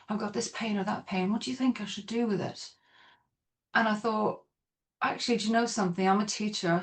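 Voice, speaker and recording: A middle-aged woman with a Dublin accent, chatting as a podcast guest, rambling with restarts. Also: mid-range voice. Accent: Irish, Dublin. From Ireland. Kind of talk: podcast interview.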